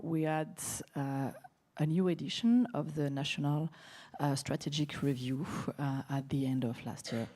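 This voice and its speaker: A woman with a French accent speaking as a panelist at a conference, thoughtful and pausing often with filler sounds. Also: low-pitched, warm tone.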